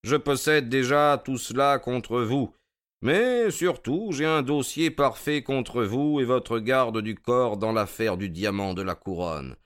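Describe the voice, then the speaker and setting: A man playing a cool, ironic detective who needles his opponent calmly and methodically, in radio drama acting. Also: medium pitch, slow. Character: cool, ironic, self-assured male detective.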